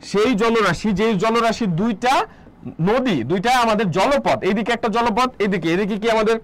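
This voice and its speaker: Man, high voice, live online lecture, quizzes students and answers himself, repeats key terms. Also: low-quality recording. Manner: asks students questions and answers them himself; repeats key terms, reads out viewer comments. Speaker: admission coaching teacher.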